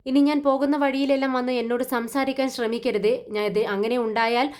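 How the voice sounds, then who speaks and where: A woman voicing a defiant young wife who answers back with sharp, accusing questions. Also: sits high, fairly even intonation, fast talker, voice pushed up, natural voice.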